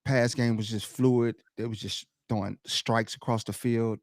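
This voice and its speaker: A man co-hosting a podcast, talking sports in a casual, animated way, laughing and mimicking the crowd. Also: mid-range voice, unhurried, no echo, studio quality. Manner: animated, laughs often, loud shouted impressions of the crowd. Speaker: podcast co-host.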